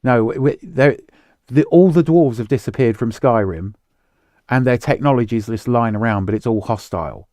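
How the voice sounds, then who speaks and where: A man's voice: mid-range voice, normal speed, a little mellow, no room sound, clean studio sound. A man co-hosting a casual chat about video games, rambling and losing his words mid-sentence. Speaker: podcast co-host.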